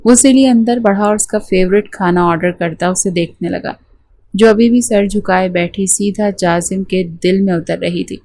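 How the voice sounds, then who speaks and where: A woman narrating a romance novel as an audiobook, with steady storytelling. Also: mid-range voice, moderate pace, no echo.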